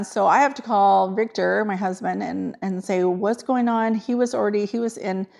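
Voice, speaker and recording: A middle-aged woman, a nurse, telling a personal family story in a halting, emotional way with many fillers. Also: medium pitch, creaky, a little mellow.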